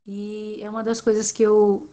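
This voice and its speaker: A woman's voice: mid-range voice, completely flat delivery, moderate pace, dark tone. A woman from Salvador, talking in a rambling, hesitant way with many fillers during an online class discussion. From Salvador, Brazil.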